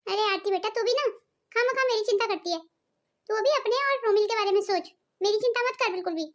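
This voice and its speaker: A woman voicing a gentle, humble older mother-in-law in a cartoon family drama, speaking in a soft, reassuring way. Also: very high-pitched, a little fast. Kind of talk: cartoon voice acting.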